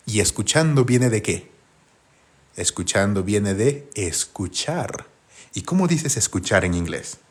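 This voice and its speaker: A man's voice: on the low side, slightly rough. A man teaching English grammar on a live stream, patiently asking rhetorical questions and answering them himself. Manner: patient, step-by-step explaining.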